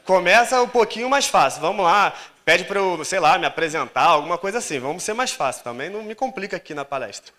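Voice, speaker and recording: Brazilian guy talking fast on stage at a conference, high bright voice, jokey and slangy. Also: lively intonation. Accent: Brazilian Portuguese. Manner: casual and joking, slangy. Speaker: lecturer. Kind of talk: live conference talk. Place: lecture stage with audience.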